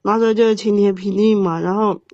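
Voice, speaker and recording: A woman in her thirties tells a long, painful personal story on an advice call, rambling and halting with many restarts. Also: medium pitch, steady tone, warm tone, no room sound. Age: 30s. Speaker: caller. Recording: dull lo-fi sound, dry.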